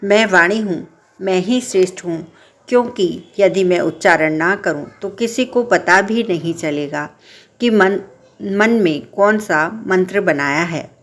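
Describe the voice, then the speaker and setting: A woman's voice: fairly low pitch, a little slow. A woman voicing personified speech, insisting that it is the superior one. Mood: insistent. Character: proud personified speech arguing its rank.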